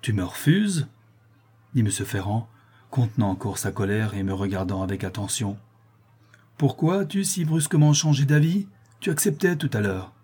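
A man's voice: lowish voice, normal speed, dark tone, husky. Harsh scheming notary, voiced by a man: cold, commanding, angry.

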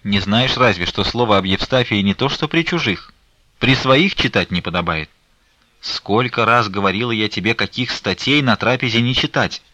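A man's voice: lowish voice, expressive, moderate pace, sharp tone, no room sound. A man reading an audiobook voices a stern, angry elderly abbess who scolds fiercely and reproachfully. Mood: stern scolding.

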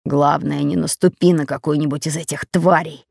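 Woman doing a gruff pirate captain. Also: low-pitched, fairly even intonation, normal speed, a little mellow, no room sound, studio quality. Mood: warning. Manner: growling, commanding. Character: fat red-bearded pirate captain, gruff and bossy.

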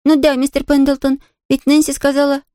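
High bubbly little girl, a woman puts her on, chatters fast and eager, dry close sound. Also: dry recording, natural voice. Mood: dismayed. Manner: bubbly, excited, breathless rush.

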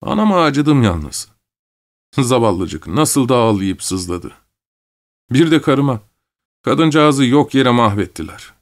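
A man voicing a young male peasant conscript, desperate and volatile, who pleads bitterly and then yells wildly. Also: mid-range voice, big pitch swings, takes it slowly, pauses often. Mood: bitter, grieving.

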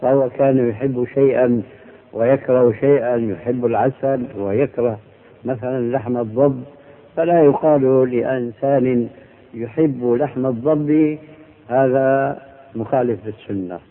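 A man, a religious scholar, answering questions in a lecture, explaining points in a measured, deliberate way and stressing key words. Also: medium pitch, steady tone. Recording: tinny old phone-like recording.

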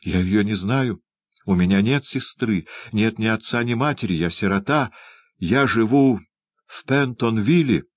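A man's voice: lowish voice, huge pitch swings, a little fast, slightly rough, no echo, full character voice. A man voicing a frightened young orphan boy who protests in alarm in an audiobook reading.

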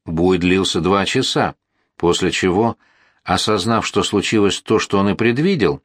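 A man narrating a historical novel as an audiobook, in a measured, steady storytelling manner. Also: low-pitched, dry recording, studio quality.

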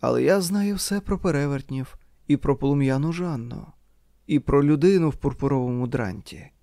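Чоловік, що читає за ніжну молоду дружину. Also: male voice, medium pitch, moderate pace, warm tone, no echo, studio quality, natural voice. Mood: playful. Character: young wife, gentle, teasing, proud. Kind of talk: audiobook character reading.

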